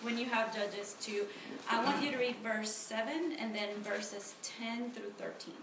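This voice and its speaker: With a fairly high pitch and a measured pace, a Honduran woman in her thirties gives an informal personal testimony, including prayer, at a church ministry meeting. Ums and restarts fill her conversational speech. A phone on a table recorded her amid echo and noticeable background noise.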